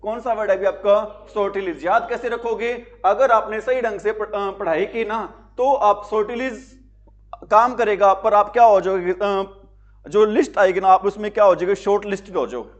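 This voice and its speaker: Male teacher, high voice; drills students with repeated call-and-answer questions, muffled recording. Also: normal speed. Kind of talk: exam-prep vocabulary lesson.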